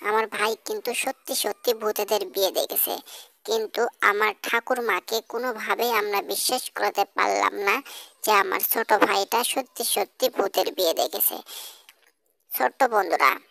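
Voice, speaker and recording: A woman's voice: mid-range voice, creaky, fairly bright tone, no room sound. A woman speaking to children in a channel outro, friendly and coaxing. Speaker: channel presenter.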